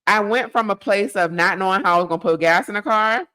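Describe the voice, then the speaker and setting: A woman's voice: mid-range voice, fast talker, sharp tone. A woman speaking as a guest business coach in a casual interview, direct and pushy, with casual slang.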